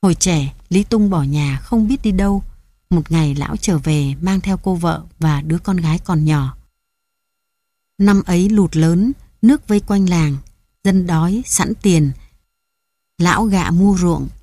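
Calm woman narrating a story. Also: on the low side, unhurried, no echo.

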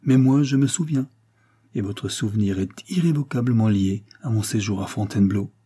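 A man's voice: on the low side, moderate pace, mellow, slightly rough. A man reading a novel aloud and voicing a stiff, ironic young French count who mutters bitterly to himself. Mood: earnest.

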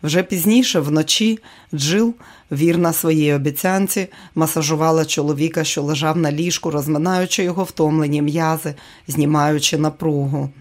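Male audiobook narrator, steady delivery. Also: on the high side, normal speed. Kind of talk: scripted narration.

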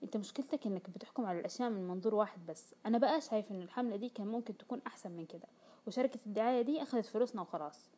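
A woman's voice: medium pitch, rapid-fire, dark tone, close to an everyday voice. A woman reading aloud the lines of a brash male business partner who belittles his colleague in a lecturing way. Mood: scornful.

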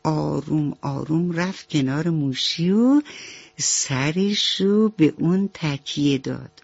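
A woman storyteller narrating a children's bedtime story on the radio, gentle and motherly, speaking straight to the children. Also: low voice, gravelly, no room sound. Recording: slightly dull radio recording.

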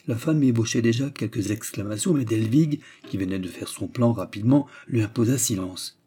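A man narrating a novel in measured, scripted storytelling. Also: mid-range voice, mellow, breathy edge. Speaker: audiobook narrator.

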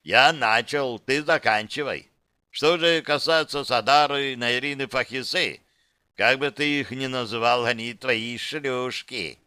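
A man's voice: mid-range voice, unhurried, sharp tone, smooth, no room sound. A man voicing a cynical male demon who lives as the hero's alter ego and sneers at him, read as an audiobook. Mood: smug mocking. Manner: cynical, sneering, laughs at others.

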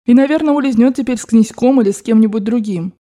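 A woman narrating a classic novel as an audiobook in a steady, measured reading. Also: fairly high pitch.

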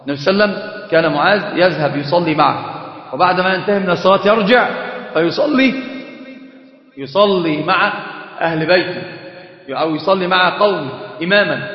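Fast, lively Egyptian sheikh teaching in an echoey hall. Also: male voice, sits high. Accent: Egyptian Arabic. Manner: animated, rhetorical questions he answers himself; repeats words and restarts. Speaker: Islamic scholar teaching a lesson. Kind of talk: recorded religious lecture. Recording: echoey hall, dull lo-fi sound.

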